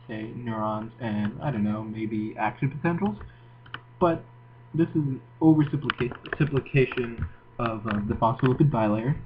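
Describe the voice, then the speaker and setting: A man with a Moroccan accent giving an informal, explanatory science lecture as a tutor in an educational video. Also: mid-range voice. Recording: tinny phone-like audio, audible hum and hiss.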